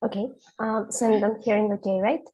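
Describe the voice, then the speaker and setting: A woman's voice: mid-range voice, little pitch movement, moderate pace, warm tone, husky, lo-fi sound. A young woman, a PhD student, giving a technical conference talk remotely over a video call, with frequent hesitant "uh" fillers. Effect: speaking remotely over a video call. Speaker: PhD student presenting research.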